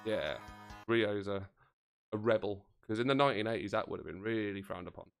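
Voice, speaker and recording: Brief: male gamer, low-pitched, rambling excitable stream chatter over game music, close mic. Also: a little fast, vocal fry. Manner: excitable, rambling, swears casually. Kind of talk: casual livestream commentary while playing. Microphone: close desk mic. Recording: game music playing behind.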